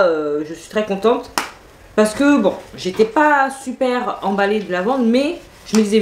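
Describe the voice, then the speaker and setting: Chatty woman in an echoey room. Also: mid-range voice. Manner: chatty, enthusiastic, many fillers. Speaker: beauty vlogger. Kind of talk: casual haul video chat. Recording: echoey room, faint noise.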